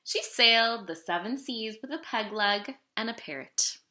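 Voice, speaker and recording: A woman reads a picture book aloud in an unhurried, animated and dramatic way, her pitch moving freely and her tone bright and clear-cut. The roomy recording carries a noticeable echo around her storytelling.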